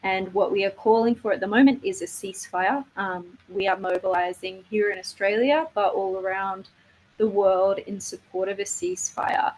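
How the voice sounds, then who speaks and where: A woman speaking as a campaigner, giving an earnest, measured and informal presentation on an online call. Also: mid-range voice, rough recording. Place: online video webinar. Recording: noticeable faint background noise, online call.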